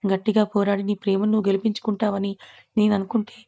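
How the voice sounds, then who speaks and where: A woman's voice: mid-range voice, monotone, fast, creaky, warm tone, no room sound, muffled recording. A woman voicing a teasing young brother-in-law who chides his cousin. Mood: chiding. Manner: chiding.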